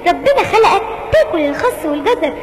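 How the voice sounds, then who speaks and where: A woman voicing a calm male doctor who gently scolds, in a lower voice with an Egyptian accent. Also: fast talker, slight background noise. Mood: scolding. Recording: echoey with loud music behind.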